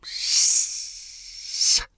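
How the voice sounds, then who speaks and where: A man voicing a slimy, hungry cave creature in an audiobook, with a whispery, hissing voice and drawn-out words that jump to squeaky highs. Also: sharp tone, dry recording, studio quality, faint music behind, heavily acted. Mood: agitated hissing. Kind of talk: audiobook character voice.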